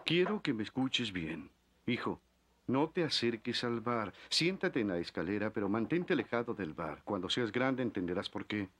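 A man playing a firm, loving middle-aged father in a dubbed film drama, speaking earnestly with a husky voice. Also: lowish voice, lively intonation, moderate pace, fairly bright tone. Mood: firm, patient. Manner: earnest, questioning, instructive.

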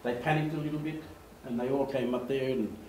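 Speaking fairly quickly at an average pitch, an older man tells lively stories in a slide talk from a lectern, gesturing and acting out the voices he quotes. A camera across the echoey meeting room records him, with faint ambience and a slight hiss or hum in the background.

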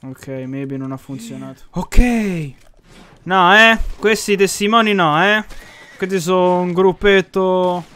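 Excitable high-voiced man gaming. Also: a little slow. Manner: swearing, excitable, shouts and taunts. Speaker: gaming channel host. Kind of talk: casual gameplay commentary.

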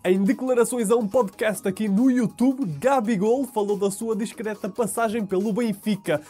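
A man with a European Portuguese accent, presenting football news in a steady scripted read. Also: high voice, soft background music. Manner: steady, measured read of sports headlines.

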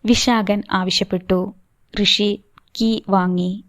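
A woman narrating a novel as an audiobook, with slow, even storytelling delivery. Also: medium pitch. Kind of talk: novel reading.

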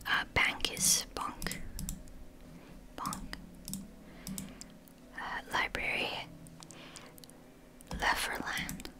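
A woman language learner whispers casually while practicing on a language app, speaking haltingly and swearing now and then.

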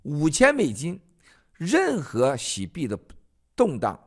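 Animated man ranting on a livestream. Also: fairly high pitch, slow pace. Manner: ranting, mocking, emphatic. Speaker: livestream host. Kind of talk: political livestream monologue.

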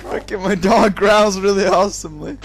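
A man chatting during a game with friends, excitable and prone to squealing outbursts. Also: high voice, brisk. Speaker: game player. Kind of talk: casual gaming chat. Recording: noisy voice chat capture.

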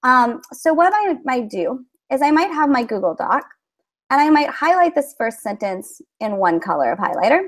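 A woman teacher presents to fellow educators on a video call with screen share, explaining her methods in a friendly way full of fillers. Her high voice has a sing-song lilt and moves at a normal speed.

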